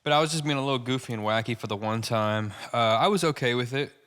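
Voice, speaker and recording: Young male podcast co-host, crisp and clear, loose and rambling, fillers everywhere, echoey room. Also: mid-range voice, fast talker, a bit bright. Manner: rambling, many fillers and restarts, laughs at own jokes. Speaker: podcast co-host and stand-up comic. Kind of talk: casual chat.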